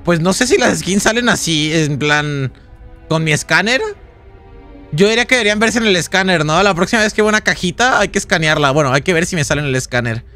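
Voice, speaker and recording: A man's voice: high voice, lively intonation, a little fast, sharp tone, soft background music. A man with a Mexican accent giving casual, chatty live gameplay commentary as a streamer, thinking aloud and talking to his viewers. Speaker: game streamer.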